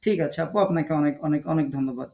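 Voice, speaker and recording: Male recitation teacher, fairly high gravelly voice, patient and coaxing with online students. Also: a little mellow. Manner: patient, coaxing, repeats syllables slowly. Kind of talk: online class, calling on students to read.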